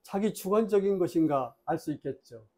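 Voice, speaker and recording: Male dharma lecturer with a high voice, lively storyteller who acts out his characters. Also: fairly quick. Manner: plain, explanatory lecturing.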